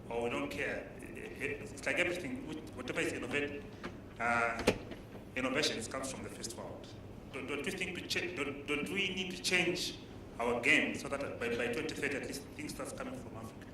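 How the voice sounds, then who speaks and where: A man asking a challenging question from the audience, halting with frequent fillers. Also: medium pitch. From Zambia. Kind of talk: question from the floor. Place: conference hall. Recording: echoey hall from far off, clear background noise.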